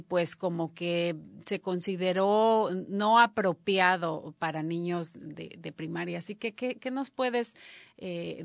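A woman hosting a live interview who pauses often with fillers as she talks. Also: fairly low pitch, no echo. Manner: hesitant, many filler pauses. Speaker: host.

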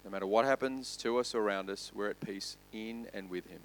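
With a lowish voice, a male pastor builds his sermon loudly and quickly through lists, then eases into soft, slow emphasis. There's slight background noise.

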